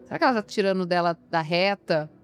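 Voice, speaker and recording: A woman's voice: fairly low pitch, animated, fast talker, smooth, faint music behind. A woman who coaches people on public speaking, talking emphatically in an interview and often asking rhetorical questions. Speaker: communication coach. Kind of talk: podcast interview.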